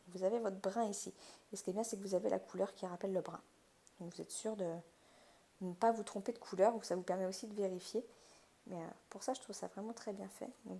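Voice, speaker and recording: A woman's voice: medium pitch, vocal fry, warm tone. A woman, chatting casually through a craft kit unboxing, chatty and self-deprecating and laughing often. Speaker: crafting vlogger.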